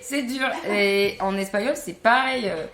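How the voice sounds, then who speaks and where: A woman's voice: mid-range voice, unhurried, a crowd in the background. Chatty woman host in a roomy room. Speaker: podcast host. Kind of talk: casual podcast interview.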